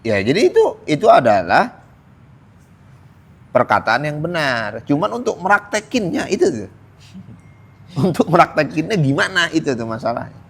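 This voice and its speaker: A middle-aged man teaching a mosque study circle, who recites Arabic hadith and then explains them in relaxed, joking everyday speech. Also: a little high, moderate pace, vocal fry, pauses often, husky. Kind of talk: casual Islamic lecture.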